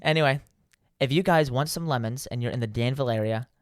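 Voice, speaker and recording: A man's voice: mid-range voice, fast talker, no room sound. Dry, playful man co-hosting a podcast. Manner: laughs often, breaks into playful sing-song bits. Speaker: podcast co-host. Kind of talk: casual chat, reading posts aloud.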